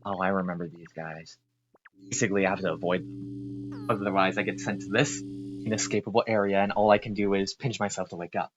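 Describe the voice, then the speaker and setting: A low-pitched man delivers flat, slightly fast commentary while he plays a video game, rambling apologetically and often restarting, with lots of fillers. The audio sounds muffled.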